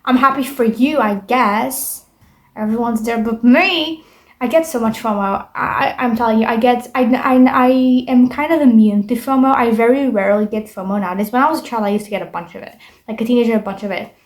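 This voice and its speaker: A woman's voice: a little high, steady tone, fast, darkish tone. A young woman vlogging in a casual, rambling monologue, bitter and full of swearing. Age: young adult.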